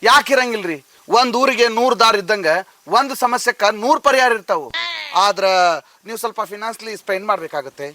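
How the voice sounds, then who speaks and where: Man, north karnataka kannada accent, sly disciple, chatty, high voice, music behind. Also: animated, quick pace, pushed and bright, no echo. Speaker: godman's disciple in a comedy skit. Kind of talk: scripted comedy sketch acting. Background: background music.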